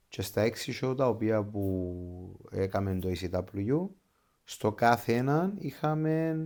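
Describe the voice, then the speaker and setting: A pro wrestler from Cyprus, with a Cypriot Greek accent, is being interviewed in a relaxed setting. He speaks enthusiastically, dropping English phrases into Greek, in a lowish, slightly mellow voice.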